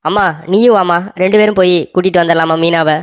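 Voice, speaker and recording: A woman's voice: on the low side, steady tone, fast, clean tone, natural voice. A woman voicing a young husband in a comic cartoon, pleading and repeating every line twice. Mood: anxious.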